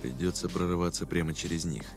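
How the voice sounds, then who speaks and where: A low-voiced, hard-bitten mercenary from a video game. He talks curtly and dryly, as if giving orders. Music is clearly heard behind him. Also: quick pace. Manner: dry, curt. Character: hard-bitten, dry, commanding male mercenary. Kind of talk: video game voice acting, Russian dub.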